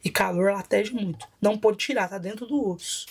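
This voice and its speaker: A woman's voice: mid-range voice, a little fast, background noise. A woman with a Brazilian Portuguese accent, a bishop giving a personal testimony in a vivid, dramatic storytelling manner.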